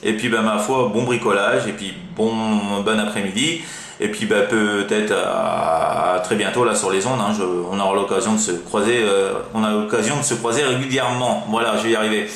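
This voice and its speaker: Speaking at a normal pace, this man from France has a lowish, slightly bright voice and fairly even intonation. He's a CB radio operator chatting casually, wandering and hesitant, sprinkling in verbal tags. Faint background noise and a roomy echo fill the recording.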